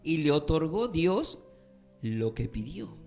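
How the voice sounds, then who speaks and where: A man's voice: a little high, big pitch swings, takes it slowly, a little mellow, soft background music. A man teaching a radio Bible class, quizzing listeners and repeating key points for emphasis. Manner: questioning, emphatic teaching with repetitions. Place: radio studio.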